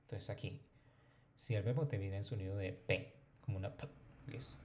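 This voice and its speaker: Low-voiced man teaching pronunciation. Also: fairly even intonation, darkish tone, a little hiss or hum. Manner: repeats example words slowly and clearly. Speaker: English teacher. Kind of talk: explanatory lesson.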